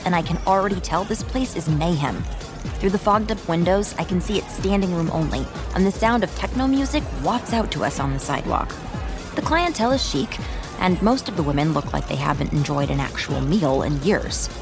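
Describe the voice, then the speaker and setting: An actress voicing a young American woman on a work trip, narrating her own story in the first person with a wry, self-deprecating manner. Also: medium pitch. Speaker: narrator and lead.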